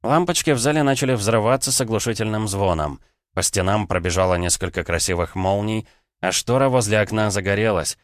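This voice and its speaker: A male audiobook narrator with a smooth, resonant voice in a fairly low register. He reads first-person narration in an even, measured way. The sound is close and dry. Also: no room sound.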